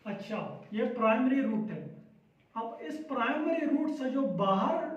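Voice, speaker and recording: A man's voice: very high-pitched, animated, a little slow. A man teaches a class, firing the same questions again and again and echoing each answer back. He sounds far from the mic, in a very echoey room with a dull, lo-fi sound. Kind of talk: classroom lesson.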